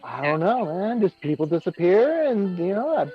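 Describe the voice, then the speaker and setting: A man's voice: high voice, very animated, moderate pace, soft background music. A man chatting as a player in a tabletop game, hesitant and repeating himself with lots of fillers. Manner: hesitant, repeats words, full of "like" and "you know". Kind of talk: casual tabletop game chat. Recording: dull lo-fi audio.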